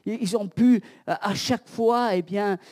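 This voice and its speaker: High-voiced French pastor, halting delivery. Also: male voice, fairly even intonation, darkish tone. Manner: halting, many fillers and repeated words; asks the listeners direct questions. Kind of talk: sermon.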